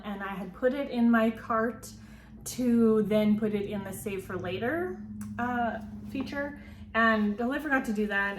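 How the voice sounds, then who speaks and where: A woman chatting casually through a book haul, rambling with frequent ums and likes, filmed as a phone video. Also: medium pitch. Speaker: book vlogger. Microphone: phone camera. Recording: roomy phone recording, faint ambience.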